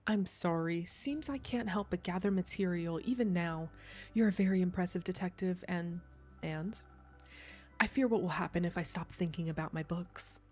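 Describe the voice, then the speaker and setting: A polite, nervous, bookish writer who can't stop gathering material, as a woman reading a visual novel puts him on. The voice is fairly low and mild, with faint game music underneath. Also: moderate pace, natural voice. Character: anxious, bookish writer companion. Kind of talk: visual novel dialogue read aloud.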